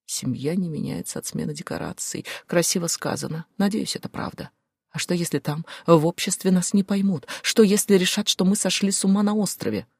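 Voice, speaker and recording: A woman reading a first-person audiobook in a measured, even way. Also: on the low side, dry recording, clean studio sound. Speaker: audiobook narrator. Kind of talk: scripted first-person narration.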